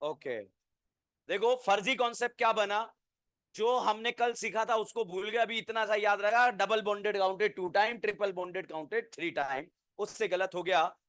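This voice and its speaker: A man leads a chemistry class, his voice pitched fairly high for a man. He keeps questioning the students and explains rules through playful mnemonics. The sound is dry and close, with little room echo. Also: normal speed, a bit bright. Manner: asks the class questions and counts answers; uses playful name mnemonics. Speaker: chemistry teacher. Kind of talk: classroom lecture.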